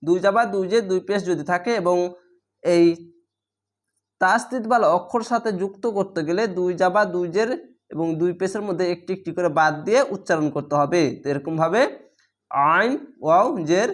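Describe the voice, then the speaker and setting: A man teaching recitation who spells each word letter by letter, then chants it slowly and draws it out. He states the reading rules briskly and often repeats them. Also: sits high.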